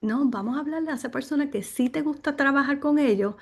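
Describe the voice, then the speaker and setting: A woman in an online real estate mastermind, talking in a lively, casual way, laughing as she speaks and addressing the group directly. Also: sits high, fast.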